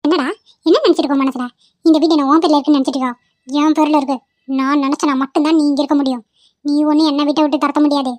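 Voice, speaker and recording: An old cartoon grandmother, voiced by a woman with a high, quavering voice. She pleads and scolds by turns with motherly force. The sound is dry and close, with no room around it. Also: no echo, close to an everyday voice. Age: older. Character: tearful old grandmother, stern with her son. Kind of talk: cartoon voice acting.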